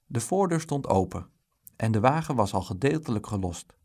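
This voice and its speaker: A man narrating a children's storybook in an expressive, lively way. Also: fairly low pitch, moderate pace. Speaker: audiobook reader.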